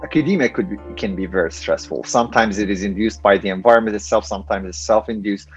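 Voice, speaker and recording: A man's voice: on the low side, quick pace, breathy edge, soft background music. Man, muffled lo-fi sound. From Turkey. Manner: thoughtful, hesitant with many fillers. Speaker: guest, engineering professor. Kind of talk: casual interview talk.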